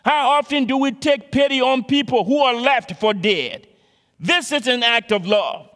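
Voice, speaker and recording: Male preacher, high and bright, earnest, repeats lines, reverberant hall. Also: unhurried. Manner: repeats phrases for emphasis, earnest exhortation. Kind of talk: sermon.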